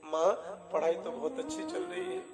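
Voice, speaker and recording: A man's voice: very high-pitched, wildly swooping pitch, moderate pace, exaggerated voice. A man voicing a homesick young male student who speaks tearfully to his mother on the phone. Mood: tearful, longing. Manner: tearful pleading storytelling. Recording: echoey hall with music behind.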